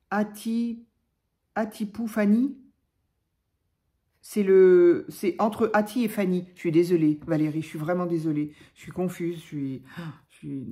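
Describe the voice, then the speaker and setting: Hosting her craft channel, a woman with a lowish, warm voice chats casually while unboxing crafts. She gushes over the paper creations and uses plenty of fillers.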